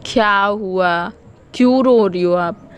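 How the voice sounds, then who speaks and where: A woman's voice: mid-range voice, slow, slight background noise, lightly acted. A woman doing a reluctant young man. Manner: pleading, reluctant. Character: reluctant young male teacher, son.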